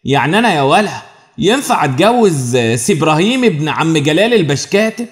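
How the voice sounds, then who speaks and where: A man's voice: a little high, big pitch swings, fast talker. A man voicing a coy young bride, Egyptian accent. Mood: teasing. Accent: Egyptian Arabic.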